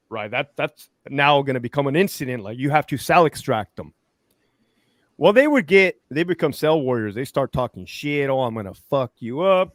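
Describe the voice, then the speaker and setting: A retired corrections lieutenant telling stories as a guest, swearing freely and acting out what people said. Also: male voice, mid-range voice, dry recording. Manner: profane, animated, acts out quoted lines. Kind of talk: casual storytelling interview.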